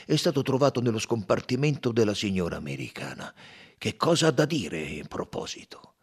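Man voicing a questioning rail director, hesitant fillers, husky, animated pitch, audiobook. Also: brisk. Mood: probing. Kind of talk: audiobook reading.

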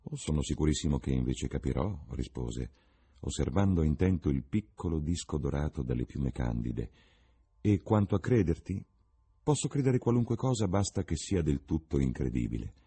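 A man's voice: a bass voice, sing-song, normal speed, creaky, dark tone, slightly rough, heavily acted. A man voicing a witty, cynical young lord with an ironic, drawling manner.

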